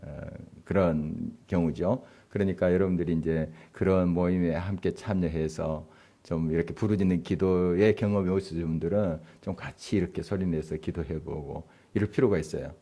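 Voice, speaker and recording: Male pastor, sermon in a church, deep voice, warm dark tone, chatty with questions to the pews. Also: fairly even intonation, normal speed. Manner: conversational, asks the congregation questions and chuckles. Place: church sanctuary.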